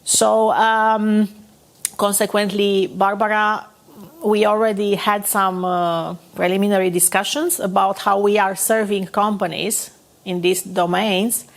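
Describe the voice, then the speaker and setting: A woman from Romania in a mid-range voice hosts a podcast. She speaks haltingly, with many fillers and restarts. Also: mid-range voice, level tone, gravelly. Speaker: podcast host, company founder. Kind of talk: casual podcast conversation.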